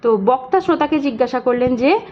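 A woman tutor taking schoolchildren through a grammar lesson step by step, asking questions and then answering them herself, and slowing right down to sound out syllables. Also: sits high, expressive, dull audio. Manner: patient, explains step by step with rhetorical questions.

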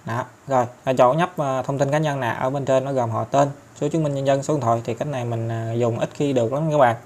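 A man with a Southern Vietnamese accent talking viewers through an app tutorial step by step, chatty and filling pauses often. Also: mid-range voice, steady tone, a little mellow. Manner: chatty, step-by-step, many fillers and tag particles. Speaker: tutorial host. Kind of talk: screen-recorded app tutorial.

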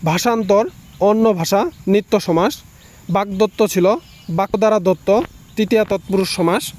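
A young man tutoring students, briskly walking through exam answers one by one. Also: high-pitched, darkish tone. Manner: brisk, lists answers in quick runs.

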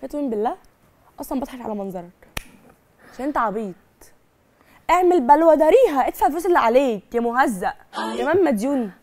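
An Egyptian woman on a prank show who argues with her husband, trading insults and shouting in a combative way. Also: a little high, lively intonation, racing, pauses often. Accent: Egyptian Arabic. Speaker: quarreling wife on a prank show. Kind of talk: heated on-camera argument.

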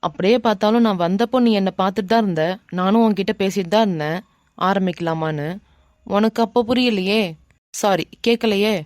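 Woman doing a young man, brash and bossy yet kind, mutters to himself, mid-pitched, Kanyakumari Tamil accent, dry close recording, cartoon. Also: a little fast, no room sound, close to an everyday voice. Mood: gentle. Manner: mutters to himself, scolds then turns gentle. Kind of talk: animated cartoon dialogue.

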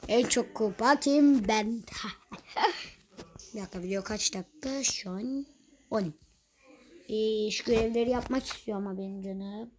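A young woman with a fairly high voice chats over her gameplay. She is quick to get exasperated at teammates and drops teasing jokes. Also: darkish tone. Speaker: gaming youtuber. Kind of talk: casual gameplay commentary.

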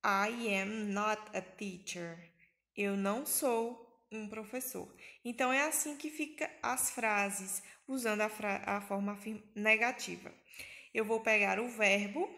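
A woman's voice: fairly high pitch, a bit bright. A woman from Brazil with a Bahia accent, teaching an English grammar lesson in Portuguese, patiently repeating and translating each example.

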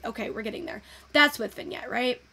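Young woman rambling thru a photo mode tutorial, high voice, kinda chatty and cussy. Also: fairly quick, gravelly, bright, forceful tone. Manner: chatty, swears casually, thinks aloud. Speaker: virtual photography streamer. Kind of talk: casual tutorial chat.

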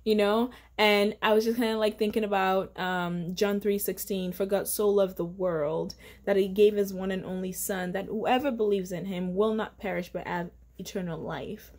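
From her living room at home, a young faith vlogger talks to camera, giving casual devotional encouragement in an earnest, chatty way full of fillers. Her mid-range voice has a darkish tone and fairly even intonation, moving at a moderate pace with few pauses.

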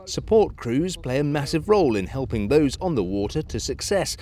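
A male news reporter giving a scripted voice-over in a measured, even delivery. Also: medium pitch.

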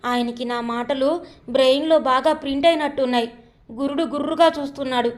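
A woman voicing a feisty, quarrelsome young woman who fires back quick retorts. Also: high voice, natural voice. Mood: sheepish.

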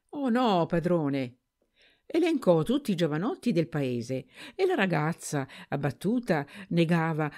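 A woman narrating an audiobook in an expressive storytelling manner. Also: low voice.

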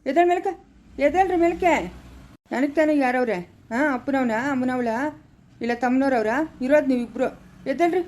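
A woman's voice: high voice, brisk, darkish tone, close to an everyday voice. A woman with a Chikkaballapura Kannada accent acting a firm, peacemaking elder brother in a family drama. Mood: coaxing.

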